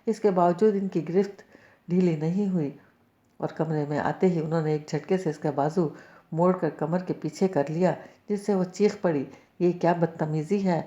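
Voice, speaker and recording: Brief: woman narrator reading a novel aloud, low warm tone, echoey slightly dull recording. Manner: steady storytelling reading.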